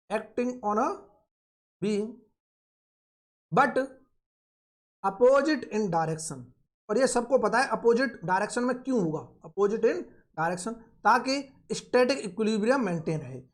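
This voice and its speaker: A man teaching engineering in a recorded online lecture, drawing out and repeating key phrases and asking and answering his own questions. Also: very high voice. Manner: slow, drawn-out repetition of key phrases. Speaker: engineering tutor.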